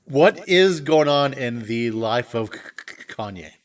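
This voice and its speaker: A man co-hosts a casual podcast, teasing and stammering through many restarts. His mid-range voice has lively intonation and a measured pace, and he sounds far from the mic.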